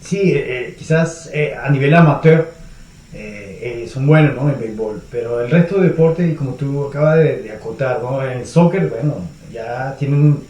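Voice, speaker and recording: A Venezuelan man with a Venezuelan accent, a guest answering interview questions in a measured way, with frequent hesitations. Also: medium pitch, warm tone, dull audio. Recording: echoey room.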